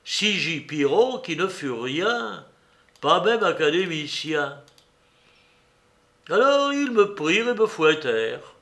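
A man reading a storybook aloud and voicing a fawning, sly older man who boasts in a high, slow, whining way. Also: very animated, fairly bright tone, heavily acted. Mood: sly boasting.

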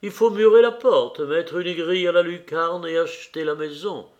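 A male reader voicing a young nobleman in love, earnest and moved, in a slowly read audiobook. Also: a little high, muffled recording, voice pushed up, natural voice. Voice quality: emotional, earnest. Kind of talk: audiobook character reading.

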